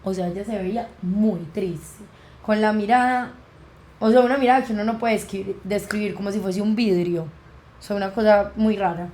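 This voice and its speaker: Young woman, Colombian accent, mellow warm tone, podcast guest, personal storytelling, acts out quoted dialogue. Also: medium pitch, fairly even intonation, moderate pace, slight background noise. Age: young adult.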